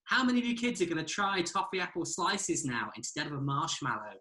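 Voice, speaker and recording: A man's voice: on the high side, sing-song, brisk, bright, forceful tone, breathy edge. A British man giving a live outdoor cooking demonstration by a campfire, instructive and friendly, speaking to children watching. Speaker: forest school instructor.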